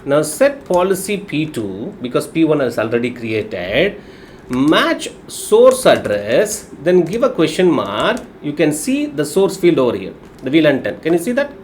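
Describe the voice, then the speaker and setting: A man's voice: a little high, big pitch swings, unhurried, slight background noise. A man with a Telugu Indian English accent giving a live technical lesson, explaining step by step and often checking understanding with short tag questions. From Telugu-speaking region of India. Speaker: technical instructor.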